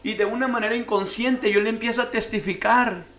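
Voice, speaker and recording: A man's voice: high-pitched, steady tone, fairly quick, a bit bright. A man telling his life testimony as a radio guest, acting out the voices of the people in his story. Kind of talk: emotional personal testimony.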